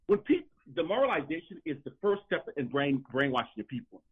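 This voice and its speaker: A man lectures in an insistent voice, stumbling over his words as he presses on. He is heard through a tinny phone line with a bad connection that keeps cutting out. His voice sounds husky. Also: on the high side, sing-song, a little fast. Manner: insistent, lecturing, with repeated restarts. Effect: bad phone connection that breaks up. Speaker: caller, guest speaker. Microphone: telephone.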